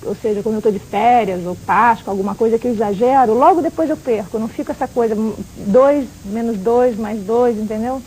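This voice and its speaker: High, fast-talking Brazilian woman guest. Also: a little mellow, slight background noise, rough recording. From southern Brazil, raised in Rio de Janeiro. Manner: chatty, talks in quick runs with fillers. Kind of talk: casual talk-show chat.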